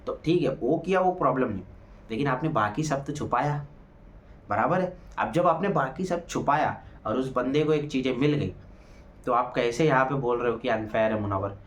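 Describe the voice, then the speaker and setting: In a mid-range voice at a moderate pace, a man casually reviews a reality show episode. He's animated, poses rhetorical questions, keeps saying "ठीक है", and raises his voice to act out quoted lines.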